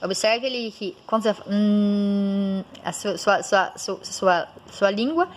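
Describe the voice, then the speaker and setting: A woman teacher giving a recorded school lesson, sounding out words slowly syllable by syllable and often checking in with a quick question. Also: mid-range voice, a little hiss or hum. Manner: frequent checking "certo?".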